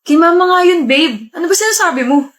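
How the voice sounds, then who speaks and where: A woman's voice: extremely high pitch, animated, brisk, slight background noise. A woman playing a cheating young boyfriend who pleads and defends himself in a comedic skit. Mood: defensive. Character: cheating young male boyfriend, clingy and evasive.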